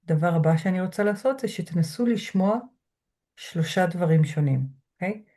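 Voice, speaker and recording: A woman lecturer speaking from home through a computer mic, guiding listeners through a grounding exercise in a slow, measured way with soft pauses. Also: lowish voice. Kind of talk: calm guided lecture. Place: home room.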